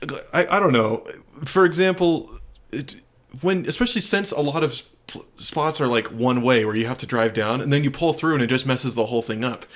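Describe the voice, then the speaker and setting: A man's voice: mid-range voice, brisk, fairly bright tone. A young man co-hosting a podcast in casual chat, rambling and hesitant, often trailing off into mumbles. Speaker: podcast co-host. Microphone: podcast microphone.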